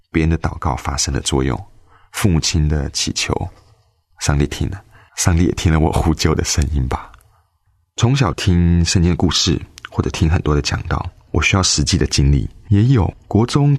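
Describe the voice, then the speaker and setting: A man's voice: deep voice, brisk, darkish tone, no echo, clean studio sound. A young man telling his faith testimony in an earnest, emotional way.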